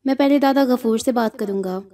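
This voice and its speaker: A woman's voice: on the high side, dark tone, close to an everyday voice. A woman voicing a cheerful, reassuring middle-aged uncle in an audio horror story. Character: middle-aged uncle, cheerful, tired after a long night.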